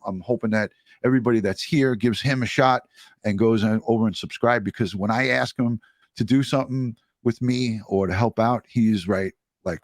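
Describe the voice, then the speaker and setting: A man talking casually and appreciatively as a livestream host, in a halting way with pauses. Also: on the low side, no room sound. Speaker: true crime livestream host. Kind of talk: casual livestream talk and sign-off.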